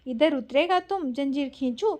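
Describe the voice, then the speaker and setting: A woman doing a rough, mocking Pathan traveler. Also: high-pitched, lively intonation, normal speed, darkish tone. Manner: broken Hindi, mocking then threatening.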